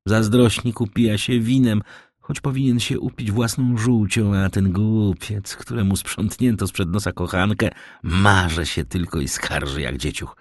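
A man voicing a scheming, envious man who talks in a low, sardonic mutter. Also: fairly even intonation, measured pace, no room sound, clean studio sound.

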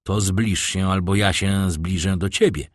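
A man's voice: deep voice, steady tone, unhurried, no room sound, studio quality. A man voicing a brave, stern young male guard in an audiobook, speaking in a firm, commanding way.

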